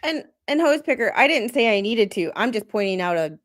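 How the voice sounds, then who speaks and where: A woman talking bluntly on a casual livestream in a high voice. She speaks plainly and is quick to laugh between her points. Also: very animated.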